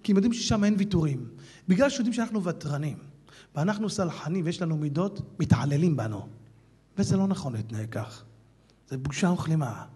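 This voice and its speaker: A man, a rabbi, preaching a fiery sermon to a hall audience, swinging from low mutters to shouting and mixing Talmudic Aramaic with street slang. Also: animated, breathy edge. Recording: long hall reverb.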